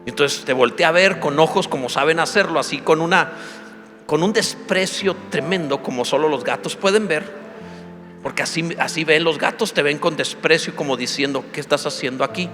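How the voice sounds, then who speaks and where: A pastor preaching in a high, bright voice, animated and humorous, rising into emphatic climaxes. His voice rings with a long church reverb, and music plays clearly underneath. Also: moderate pace. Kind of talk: sermon.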